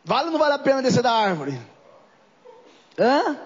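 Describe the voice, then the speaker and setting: A man's voice: very high voice, very animated, brisk, slightly rough, long reverb tail, muffled recording. A Brazilian man preaching an impassioned sermon, often putting questions straight to his congregation. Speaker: apostle preaching. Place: church service.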